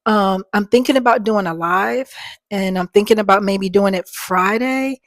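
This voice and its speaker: Addressing her audience as folks, a woman in her fifties rambles earnestly through a casual vlog at normal speed. Her voice is soft and a little worn, sits at a middling pitch, and doesn't carry far. The recording is close and dry, made on a small microphone.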